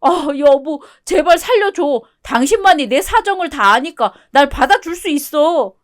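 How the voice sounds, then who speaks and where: A whiny, clingy ex-husband in a storybook radio drama, as a woman reader puts him on. He pleads and wallows in self-pity, desperate to be taken back. The voice sits fairly high. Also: animated, normal speed. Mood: begging. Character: whiny cheating ex-husband, middle-aged man, desperate. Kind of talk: one-voice radio drama reading.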